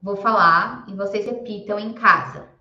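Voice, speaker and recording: A woman's voice: mid-range voice, echoey room, lo-fi sound. A young adult woman teaching English to beginners in a live online class, speaking patiently and repeating each word so students can follow. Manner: slow, patient drilling with repetition.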